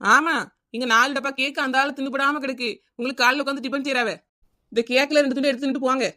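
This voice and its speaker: Bickering in a high, steady, sharp voice, the adult housewife Chinnaponnu chatters and wheedles quickly in a Kanyakumari Tamil accent. This scatterbrained comedy-cartoon character keeps coming back to the same name.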